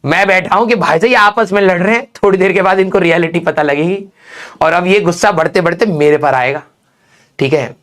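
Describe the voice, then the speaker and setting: A male teacher telling a funny childhood story to his class, animated, who keeps checking in with his students with a quick "okay?". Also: high-pitched.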